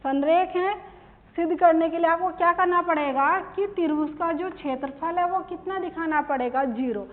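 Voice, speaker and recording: A woman's voice: extremely high pitch, normal speed. A woman maths teacher working through problems step by step, asking questions and answering them herself. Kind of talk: classroom lesson. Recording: tinny phone-like sound with long reverb.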